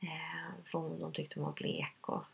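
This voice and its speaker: A woman's voice: sits low, little pitch movement, creaky, fairly bright tone, husky. A woman telling a personal story in conversation, hesitant and earnest, with many fillers. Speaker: guest.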